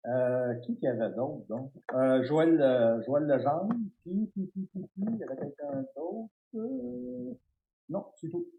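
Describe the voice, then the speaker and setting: A middle-aged man with a Québécois French accent, a guest telling stories in an interview, animated and stumbling over restarts. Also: a little high, unhurried, vocal fry, phone-quality sound. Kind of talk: storytelling interview.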